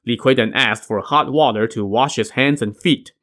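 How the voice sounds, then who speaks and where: A man's voice: mid-range voice, normal speed, fairly bright tone. A man narrating a classic tale as a podcast host, in a wry tone with dry asides. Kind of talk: storytelling narration.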